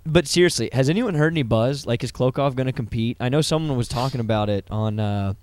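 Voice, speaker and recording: A man's voice: medium pitch, quick pace, smooth, dry recording. A man co-hosting a podcast, keeping the casual chat moving and wrapping up with dry jokes. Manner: steers the talk and wraps up with dry joking. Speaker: podcast co-host.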